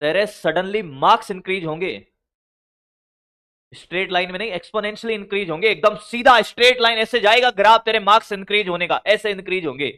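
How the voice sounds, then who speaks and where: A man's voice: high-pitched, brisk, sharp tone, clear, resonant tone. A male teacher giving blunt, scolding study advice to exam students, calling them brother and son. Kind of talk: motivational study advice lecture.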